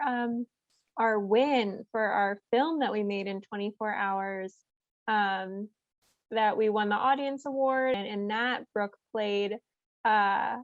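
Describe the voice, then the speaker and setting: Young woman, podcast co-host, fairly high voice, wry, laid-back, dull lo-fi recording. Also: no echo. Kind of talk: casual chat. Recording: dry, dull lo-fi sound.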